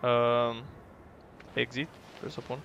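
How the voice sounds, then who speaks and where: A man giving loud, profane let's play commentary on a horror game, talking to his viewers and yelping at scares. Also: medium pitch, flat delivery, vocal fry, muffled recording, a little hiss or hum. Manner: jumpy, profane, loud outbursts; talks to viewers while playing. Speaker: gaming YouTuber.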